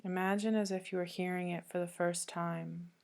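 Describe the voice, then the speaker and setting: Guiding a meditation, a woman yoga teacher speaks in a calm, gentle way, with long pauses between soothing instructions. Her voice is gravelly and on the low side.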